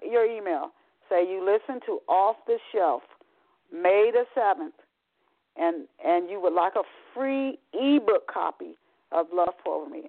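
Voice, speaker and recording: Gravelly woman hosting talk radio by phone. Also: mid-range voice, dry recording. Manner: chatty, many restarts. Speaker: radio talk show host. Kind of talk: talk radio, reading a novel aloud. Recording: tinny phone line, dry.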